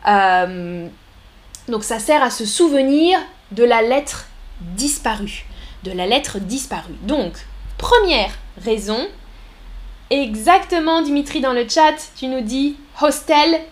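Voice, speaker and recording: Slightly high-voiced woman teaching French live. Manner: explanatory, repeats words slowly for learners, addresses chat. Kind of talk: live-streamed language lesson.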